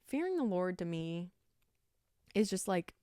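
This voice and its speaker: A woman hosting a casual Bible study talk, talking fast and chatty with lots of "like", earnest and upbeat. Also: lowish voice, sing-song, dark tone, no echo, studio quality. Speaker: podcast host.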